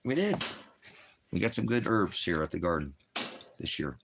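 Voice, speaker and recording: This man's low, creaky voice moves at a moderate pace with a sing-song lilt, and there's background noise. He's a ministry teacher hosting a rambling livestream Bible lesson from his home by the fireplace, challenging commenters bluntly and frequently answering the questions he poses.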